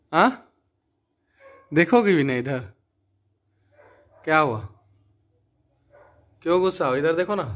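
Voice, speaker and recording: Teasing, coaxing man. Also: on the high side. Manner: coaxing, teasing, repeats himself. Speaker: vlogger filming his wife. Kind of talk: casual family vlog chat. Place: home at night.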